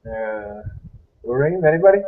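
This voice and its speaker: A man in his thirties hosts a casual panel chat, his slightly high voice moving at a moderate pace with lively intonation. He rambles and repeats words as he makes his point. The stream audio is muffled and lo-fi.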